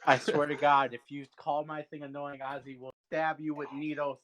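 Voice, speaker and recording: A woman's voice: deep voice, level tone, moderate pace, crowd noise. A woman playing a tabletop game and chatting casually. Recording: faint background noise.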